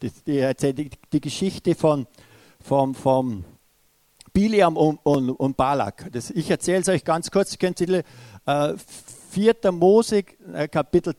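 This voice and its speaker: A man preaching in a fairly high voice, recorded dry and close with almost no room sound. He hesitates and restarts often, filling gaps with small sounds. He also turns to his listeners and speaks to them directly and urgently. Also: a little mellow, no echo. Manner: retells a story, often restarting with hesitant fillers. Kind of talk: sermon.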